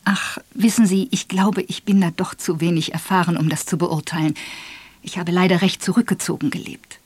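An audiobook reader voicing an elderly woman, polite, self-effacing and quietly curious. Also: lowish voice, steady tone, normal speed, breathy edge, no room sound. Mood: demure. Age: older. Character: Miss Marple, elderly lady, modest and shrewd. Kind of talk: audiobook character voice.

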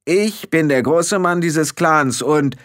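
Ein Mann spricht einen kleinen, grüblerischen Clanchef, der grummelt und poltert. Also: male voice, lowish voice, a little slow, no echo, clean studio sound, natural voice. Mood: blustering. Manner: grumbling and blustering. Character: gruff, brooding little fairy-clan chief man.

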